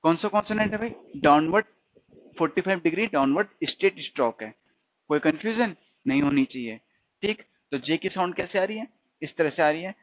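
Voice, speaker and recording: A man teaching a stenography lesson, asking his students questions and answering them himself, repeating each sound slowly. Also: a little high, expressive, no echo, highs cut off. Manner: slips into English definitions. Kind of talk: recorded shorthand lesson.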